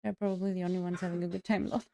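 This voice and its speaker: A woman's voice: fairly low pitch, little pitch movement, rapid-fire, gravelly, warm tone. A woman streamer reacting to a video with playful, jokey asides, often stumbling over her words. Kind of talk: casual chat.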